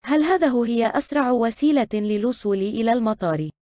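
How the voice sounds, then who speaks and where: A woman reading short translated travel phrases in a brisk, plain delivery. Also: a little high, warm tone, no echo, clean studio sound.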